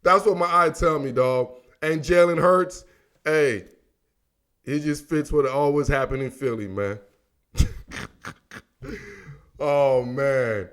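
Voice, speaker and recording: A man's voice: a little high, takes it slowly, long pauses. A man from Africa hosting a sports podcast, talking casually and animatedly in slang and laughing often.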